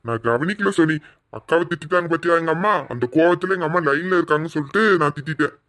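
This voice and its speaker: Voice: mid-range voice, quick pace, a bit bright, no room sound, natural voice. A performer voicing a sly, scheming husband in a cartoon family skit, muttering grumbling asides to himself.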